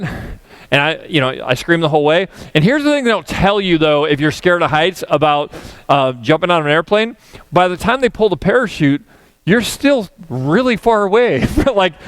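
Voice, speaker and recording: A man's voice: fairly high pitch, fairly bright tone, no room sound. A male guest pastor on a church stage, preaching a conference sermon through humorous, self-deprecating stories. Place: church stage before a live audience.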